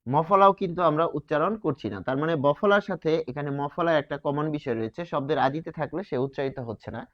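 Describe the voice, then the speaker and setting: A man's voice: fairly high pitch, fast. Man teaching, asking and answering himself. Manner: asks rhetorical questions, then answers them. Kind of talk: grammar lesson. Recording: dull lo-fi sound.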